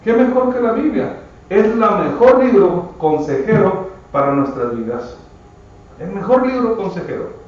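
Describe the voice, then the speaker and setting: A man with a high, darkish voice and big pitch swings preaches a sermon in a church, speaking a little slowly but emphatically and often calling listeners "brother." The recording is echoey, muffled and captured from far off.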